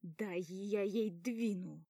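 A woman voicing a sarcastic, quick-tempered young man with a mocking, gruff manner. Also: mid-range voice, lively intonation, a little mellow, dry recording, clean studio sound. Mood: irritated.

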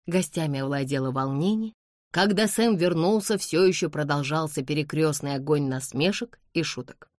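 A woman narrating an audiobook in the first person with expressive, measured storytelling. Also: low voice, no room sound, studio quality.

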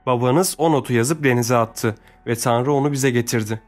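A man's voice: mid-range voice, moderate pace, darkish tone, faint music behind, lightly acted. A man voicing a kind, determined noble lady in an audiobook, speaking earnestly and persuasively.

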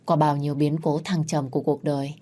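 A woman narrating a sad family story in a calm, even storytelling manner. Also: deep voice, brisk.

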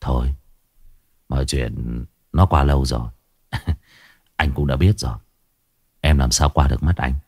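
A man voicing a cold, scheming gang boss who speaks calmly and deliberately. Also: husky, no echo, clean studio sound, heavily acted. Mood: coldly calm. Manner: calm, low, measured.

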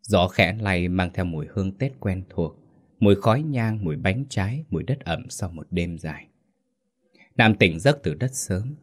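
A man narrating a story slowly and gently, in a somber tone. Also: deep voice, animated. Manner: slow, gentle, somber reading.

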